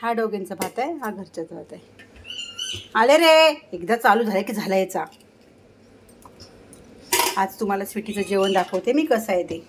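A woman's voice: medium pitch, normal speed, pauses often, very noisy. A middle-aged woman, chatting casually through a home vlog in her kitchen and cooing in baby talk to her pets. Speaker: home vlogger.

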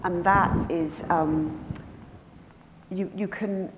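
A woman writer speaking on a festival panel, measured and reflective. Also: on the low side, steady tone. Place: festival event hall. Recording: roomy hall with audible noise.

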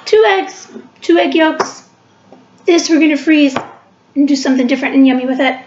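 At a normal pace, a library cooking show host narrates each step of cooking in her own kitchen while a webcam across the counter records. Her voice is high with a darkish tone. The room is echoey, the webcam sound dull and lo-fi, and a slight hiss or hum runs underneath.

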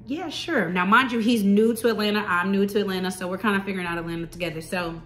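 A woman in her thirties tells a story in a lively vlog, chatting straight to the people watching. Her voice sits in a middling register. A roomy echo hangs around it. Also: medium pitch, racing. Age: 30s. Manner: animated, chatty, talks straight to viewers. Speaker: vlogger telling a personal story.

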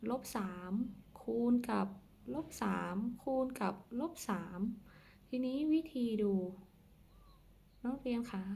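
Gravelly-voiced woman teaching a math lesson. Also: on the high side, a little mellow. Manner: patient, explains step by step, polite sentence endings.

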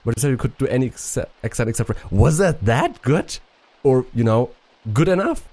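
A man's voice: mid-range voice, animated, moderate pace, darkish tone, no echo. A man streaming a puzzle game, muttering to himself and swearing casually as he plays. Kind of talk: casual live-stream commentary.

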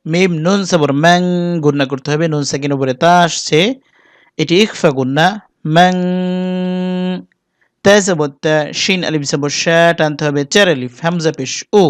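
A man with a Bangladeshi Bengali accent teaching Quran reading, spelling out Arabic letters slowly and deliberately, then chanting the verses in a melodic recitation. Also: a little high, no echo, studio quality.

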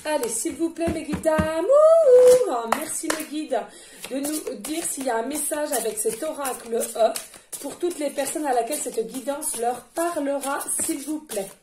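High-voiced woman giving a gentle reading. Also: normal speed, background noise. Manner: gentle, repetitive, keeps asking "d'accord?". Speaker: medium giving a tarot reading. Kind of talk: spoken spiritual guidance reading. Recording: echoey room.

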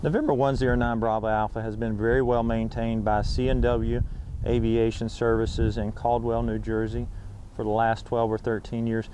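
A man's voice: medium pitch, little pitch movement, moderate pace, mellow. Middle-aged man presenting, noisy outdoor ambience. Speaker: aircraft salesman presenting a listing. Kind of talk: sales walkaround presentation. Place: outdoors on an airfield tarmac and inside a small plane cabin.

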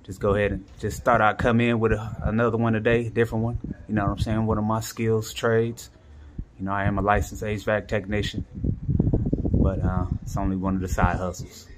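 Here a man with a lowish voice and level tone speaks a little fast, describing a home repair to viewers in casual slang peppered with catchphrases. He works as an HVAC technician and runs a handyman vlog, filming indoors beside the air-conditioning unit. His handheld phone, held behind the camera, picks up noisy audio with clicks.

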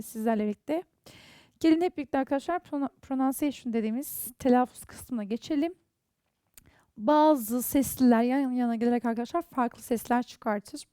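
A woman's voice: sits high, mellow, dry recording, studio quality. A woman with a Turkish accent teaching an online English lesson, carefully reading out example words one by one.

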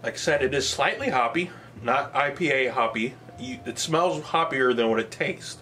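A plainspoken, modest man casually reviews beers on camera for a product review vlog, thinking aloud about how they taste. His medium-pitched voice is sharp in tone with a moderate pace, and there's a little hiss or hum in the audio.

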